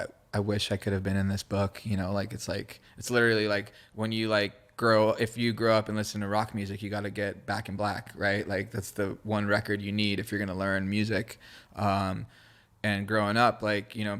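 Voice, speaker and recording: Here a Hebrew-speaking creative director, Israeli-born and California-raised, appears as a podcast guest. His voice is fairly low and a little bright, and he tells loose, slangy stories, leaning heavily on fillers and often starting sentences over.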